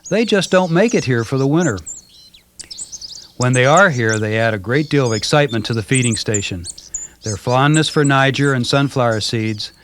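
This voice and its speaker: A man giving calm, measured scripted narration for a backyard birding video, heard from a worn VHS tape copy. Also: mid-range voice. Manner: calm, measured, gently descriptive. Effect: worn VHS tape copy with faint hiss.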